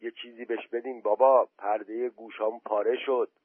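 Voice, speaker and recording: A man reading aloud as an irritable older village man in a story, complaining loudly. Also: medium pitch, level tone, breathy edge, no room sound, close to an everyday voice. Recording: dry, tinny phone-quality audio.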